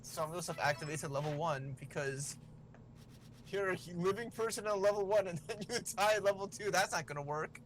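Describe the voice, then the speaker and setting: Slightly high-voiced guy explaining the rules, chill, faint hiss on his mic. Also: a little fast, poor audio. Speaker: player. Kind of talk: casual chat explaining rules.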